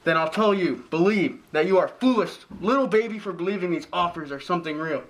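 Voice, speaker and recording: A man's voice: sits high, expressive, brisk, rough recording. A man playing a pompous, overbearing father who lectures and scolds in a parody drama. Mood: scolding. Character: pompous, preachy, overbearing father of grown children. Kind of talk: parody drama acting, modern-English Shakespeare.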